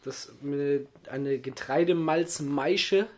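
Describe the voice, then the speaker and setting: A man's voice: on the high side, takes it slowly. A man co-hosting a casual podcast chat, explaining facts in an agreeable, filler-heavy way. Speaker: podcast co-host.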